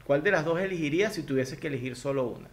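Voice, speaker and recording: A man's voice: a little high, lively intonation, fast talker, gravelly. Brief: male host, friendly and encouraging, casual questions. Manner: encouraging, asks questions and affirms. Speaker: interviewer.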